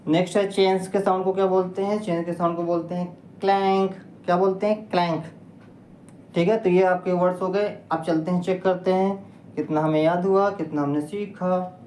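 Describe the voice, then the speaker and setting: A woman's voice: on the low side, steady tone, moderate pace, mellow. Woman teaching English words, echoey room. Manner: spells words letter by letter, repeats and quizzes. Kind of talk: Hindi-English vocabulary lesson. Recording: echoey room with faint noise.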